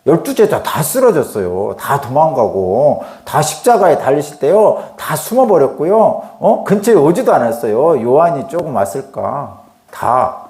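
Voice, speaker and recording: A man's voice: on the high side, big pitch swings, moderate pace, darkish tone, roomy sound. A middle-aged male pastor preaching a dawn sermon in a conversational way. He acts out dialogue and asks rhetorical questions.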